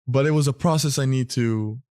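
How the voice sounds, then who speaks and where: A young man from Israel, a guest in a casual interview, speaking in a relaxed way with many fillers. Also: mid-range voice, brisk, no echo, clean studio sound. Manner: relaxed, filler-heavy speech. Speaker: guest athlete.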